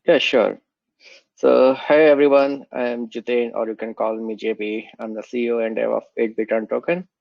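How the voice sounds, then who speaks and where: A man's voice: medium pitch, level tone, moderate pace, gravelly, no echo, dull audio. A man with a cold, answering interview questions as a guest, earnest and explanatory. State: has a cold.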